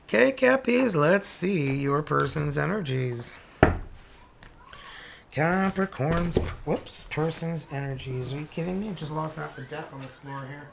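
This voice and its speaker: Reading cards with plenty of laughter and cheeky remarks, this Franco-Ontarian tarot reader from northern Ontario, Canada, a native French speaker with a French-Canadian accent, speaks a little slowly with vocal fry. Her mid-range voice comes through a very noisy recording.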